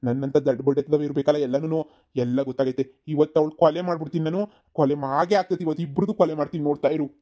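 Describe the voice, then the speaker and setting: A man voicing an enraged middle-aged village father in a cartoon comedy, shouting threats and later pleading for forgiveness. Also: fairly high pitch, fairly even intonation, fast talker, lo-fi sound, lightly acted. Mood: furious.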